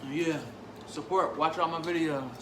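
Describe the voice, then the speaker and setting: A man's voice: a little high, steady tone, normal speed. A man talking casually and informally as he reviews food, eating and savoring as he goes. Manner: informal, savoring with frequent appreciative mm sounds. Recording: roomy, echoey, clearly noisy home recording.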